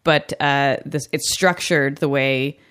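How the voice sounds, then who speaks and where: A woman's voice: rumbling low, fairly even intonation, takes it slowly, a bit bright, smooth. A woman co-hosting a show, talking in a casual, analytical, conversational way. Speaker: co-host.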